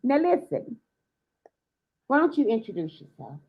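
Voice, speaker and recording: A woman's voice: fairly high pitch, sing-song, a little slow, breathy edge. A woman hosting a live internet radio interview, chatty and bubbly, laughing often, talking over a computer mic on a video call. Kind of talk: casual live-stream interview chat. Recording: dull lo-fi stream audio.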